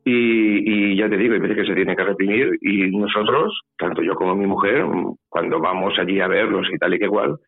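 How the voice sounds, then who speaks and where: A man's voice: deep voice, moderate pace, creaky, hardly any pauses, breathy edge. A man from Spain with a Spanish accent, telling a personal story as a guest in a phone interview, hesitant and repeating his words. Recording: tinny phone line with faint music.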